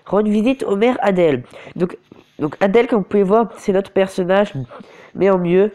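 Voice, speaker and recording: A man with a high-pitched, mellow voice gives casual mobile game commentary at a moderate pace. Sick with a cold and sore throat, he often stumbles and corrects himself, recorded on a phone screen recorder.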